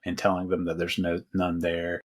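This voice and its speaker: A man's voice: low voice, completely flat delivery, normal speed, breathy edge. A man hosting a podcast, talking casually about films with many fillers and restarts. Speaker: podcast host. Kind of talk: casual film discussion.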